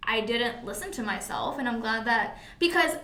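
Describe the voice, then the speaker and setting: Twenty-something woman guesting on a podcast, earnest, lots of "like", bright voice, echoey room. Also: a little high, lively intonation, moderate pace. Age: 20s. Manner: earnest, caring, full of "like" fillers. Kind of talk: casual chat. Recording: roomy echo.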